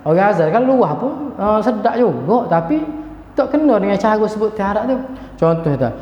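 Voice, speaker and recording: With a high, very animated voice at normal speed, a religious teacher with a Kelantanese Malay accent runs a chatty Quran class. He chants short passages to show proper recitation, and the audio is dull and lo-fi with hall echo.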